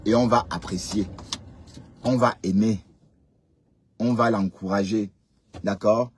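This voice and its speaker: A man's voice: lowish voice, fairly even intonation, slow, a little mellow, a little hiss or hum. A man hosting a live stream, commenting casually and emphatically, repeating phrases and checking that listeners agree. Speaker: livestream host.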